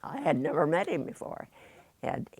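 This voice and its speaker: A very old woman, about a hundred, with a Midwestern American accent, reminisces haltingly in an interview, pausing often. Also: sits low, very animated, creaky, a little mellow, slightly rough, no room sound. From United States, rural Indiana. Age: very old, about 102. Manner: halting delivery with long pauses and many hesitations.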